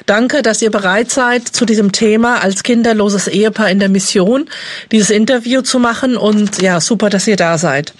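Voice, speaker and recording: A woman's voice: medium pitch, moderate pace, slight background noise. A woman interviewing a couple for a podcast, asking questions in a friendly, casual way.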